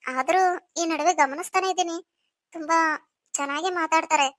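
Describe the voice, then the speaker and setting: A woman's voice: very high-pitched, normal speed, a bit bright, no room sound. A woman voicing a young orphaned wife in a cartoon story, pleading and full of questions. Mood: wondering.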